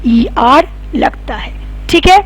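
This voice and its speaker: A woman's voice: high voice, animated, slow. A woman teaching a grammar lesson. She asks questions and answers them herself, and spells words out letter by letter.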